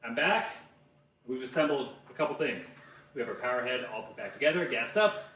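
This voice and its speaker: A man hosting a casual do-it-yourself vlog, talking to himself with excitable, self-mocking energy as he tests his tools. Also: medium pitch, a little fast, roomy sound, slight background noise. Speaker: DIY video host. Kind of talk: casual vlog narration while testing tools.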